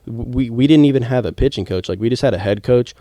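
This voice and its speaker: A man's voice: mid-range voice, fast talker, warm tone, no room sound. A young man co-hosting a casual sports podcast. He rambles heatedly and restarts his sentences often. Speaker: podcast co-host, former college baseball player.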